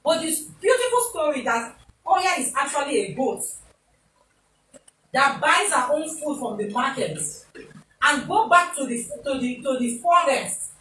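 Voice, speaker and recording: Nigerian woman, talk show host, chatty and opinionated, high-ish lively voice, roomy echo, faint noise. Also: measured pace, recorded from a distance. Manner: chatty, opinionated, Nigerian Pidgin turns of phrase. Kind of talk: casual studio interview.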